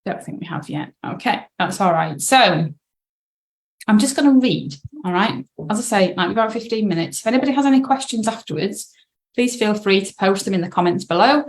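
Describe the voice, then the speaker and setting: A British woman coaching her viewers on a live stream, her pitch sitting in the middle range. She talks in a casual, encouraging way, tagging her points with "right?" and "all right?" Now and then she reads an article aloud, slowly and plainly. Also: expressive. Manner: chatty, checks in with "right?" and "all right?". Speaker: business coach.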